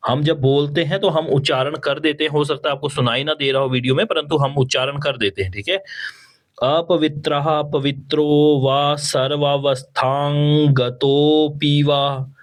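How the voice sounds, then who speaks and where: A man's voice: fairly high pitch, fast talker, few pauses, a bit bright. A man teaching the correct pronunciation of a verse. He breaks words into syllables and asks the listener to repeat after him. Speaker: spiritual teacher. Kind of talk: pronunciation drill for a chant.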